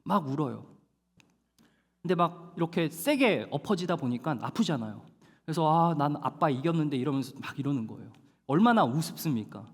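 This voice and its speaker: A male pastor preaching a sermon to a young adult congregation, animated and storytelling, with dramatic slowdowns for emphasis. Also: on the high side, slightly rough. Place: church hall. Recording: long hall reverb.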